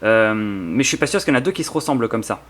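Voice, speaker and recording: A YouTuber with a French accent shows off his book collection, unboxing and flipping through a book in a casual, spontaneous chat. His fairly low male voice is a bit bright, with lively intonation and a racing pace. He rambles enthusiastically, full of fillers and restarts.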